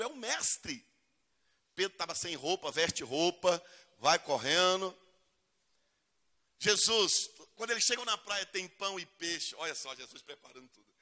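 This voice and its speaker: A man's voice: fairly high pitch, bright, forceful tone. A male pastor preaching a humorous sermon in a church, acting out prayers in voices. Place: church hall. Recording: long church reverb.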